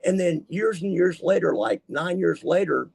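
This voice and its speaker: A gravelly, husky middle-aged man talks through his story as a guest in a casual interview. He rambles and presses hard on his words, slipping into the voices of the people he quotes. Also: on the high side, normal speed, darkish tone. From Texas, US. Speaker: podcast guest.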